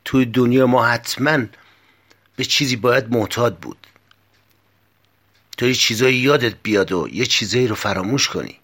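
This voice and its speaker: A man's voice: medium pitch, pauses often, a bit bright, close to an everyday voice. A man voicing a tired, irritable male tank driver who talks bluntly and sounds exasperated.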